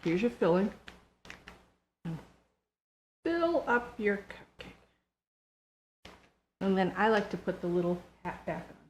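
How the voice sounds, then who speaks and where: A woman's voice: mid-range voice, big pitch swings, slow pace, long pauses, lo-fi sound. Older woman chatting through a bake. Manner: chatty, homespun, explains step by step. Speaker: home baker. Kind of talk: casual cooking demonstration. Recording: noisy recording with clicks.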